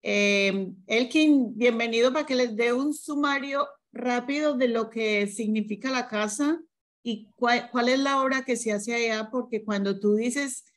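A woman with a fairly high voice hosts a video-call meeting. She welcomes guests warmly and introduces the next speaker over her webcam. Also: measured pace. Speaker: meeting host.

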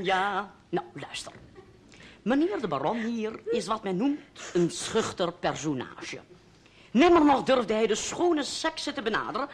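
A pompous, wordy storyteller. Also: male voice, extremely high pitch, a bit bright, heavily acted. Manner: flowery, mock-formal storytelling. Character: pompous, wordy male friend who tells the story. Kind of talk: old radio comedy acting. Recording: old radio play with audience laughter.

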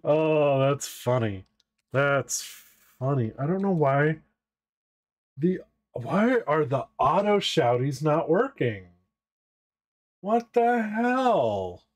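Playful streamer man, slow-talking. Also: a little high, expressive. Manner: playful, laughs often, greets viewers. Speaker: variety game streamer. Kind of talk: casual live-stream chat.

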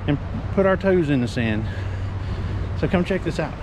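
A man narrating a road trip for a travel vlog in a relaxed, matter-of-fact way, speaking in a car and then outdoors at a beach. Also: fairly high pitch, normal speed. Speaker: travel vlogger. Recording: loud road noise, voice off-mic.

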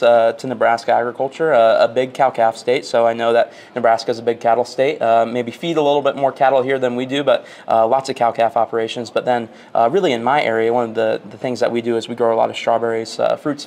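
Young guest from Florida, quick earnest answers, lapel mic in a big hotel hall. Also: male voice, medium pitch, steady tone, darkish tone. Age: young adult. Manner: friendly, earnest, many uh fillers. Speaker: interview guest, national student officer. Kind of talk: casual interview answers. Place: large hotel convention hall.

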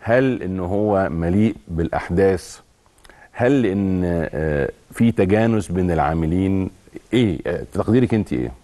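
A man with an Egyptian Arabic accent hosting a TV studio interview, asking lively questions and directing the camera operator. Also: deep voice, brisk. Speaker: talk show host.

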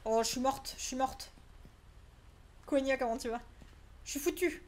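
Jumpy high-voiced woman streamer. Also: normal speed. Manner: jumpy, anxious, swearing and exclaiming. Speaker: streamer playing a horror game. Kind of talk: live gaming commentary.

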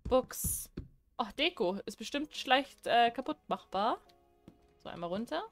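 A woman's voice: fairly high pitch, animated, a little slow, faint music behind. A young woman chatting casually while she plays a horror game, joking and talking back to what happens on screen. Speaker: let's play gamer.

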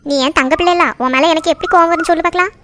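A woman's voice: very high voice, very fast, bright, forceful tone, slight background noise. Woman voicing a doting tender cartoon mother. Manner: tender, indulgent. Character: doting middle-aged mother.

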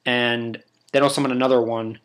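Young man, casual vlog commentary, crude jokes, rambling, mid-pitched voice. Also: level tone, normal speed, a bit bright. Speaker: video host.

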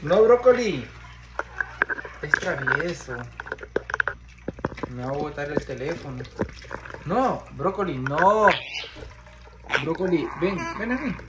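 Slow, sing-song woman. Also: low-pitched, sing-song, roomy sound, heavy background noise. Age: adult. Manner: coaxing, sing-song baby talk. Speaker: pet parrot owner. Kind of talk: casual talk to a pet.

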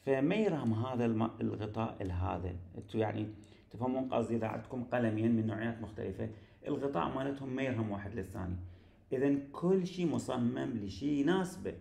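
A man's voice: medium pitch, lively intonation, fast talker, gravelly, dark tone, roomy sound. A man with an Iraqi Arabic accent giving a recorded online English grammar lecture, explaining patiently with everyday comparisons and checking that students follow. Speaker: English teacher.

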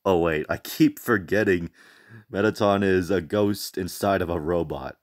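A man's voice: low voice, a little slow. A young man hosting a reaction video, chatting casually, laughing often and teasing himself.

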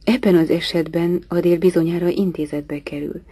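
A woman reads a novel aloud in a low, mellow voice, measured and quiet. The recording is dry and close, with no room echo. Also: fairly even intonation, husky. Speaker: audiobook reader.

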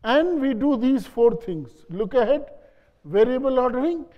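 A man's voice: very high voice, lively intonation, unhurried, muffled recording. A man giving a classroom lecture, repeating key phrases and quizzing his audience. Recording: long hall reverb.

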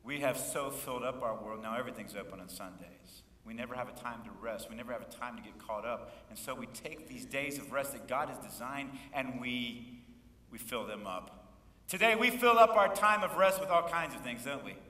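A man's voice: medium pitch, moderate pace, pushed and bright, a little hiss or hum. A man in his fifties preaching a sermon as pastor, folksy and joking, calling for responses from the congregation. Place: church sanctuary. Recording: echoey church hall from far off.

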